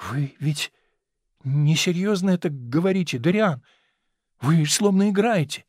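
A man's voice: sits high, animated, moderate pace, darkish tone, no room sound, studio quality, voice pushed up. A man reading the lines of a young actress in love, earnest and declamatory. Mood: pleading.

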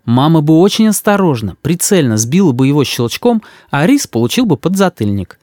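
A man reading a story aloud in an expressive storytelling manner. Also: a little high, a little fast, no echo, clean studio sound. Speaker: audiobook reader. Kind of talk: scripted narration.

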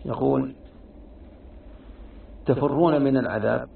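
A man teaching a religious text lesson, explaining slowly and often restarting his words. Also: mid-range voice, creaky. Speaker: Islamic scholar teaching tafsir. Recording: tinny, echoey, from far off.

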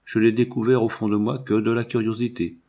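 A man voicing a calm, curious young male scientist who speaks reassuringly. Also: mid-range voice, a little fast, natural voice. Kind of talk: audiobook reading.

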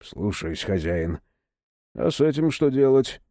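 Man doing a cold, bassy henchman. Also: measured pace, no echo, studio quality. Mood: menacing. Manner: bass, calm, indifferent interrogation.

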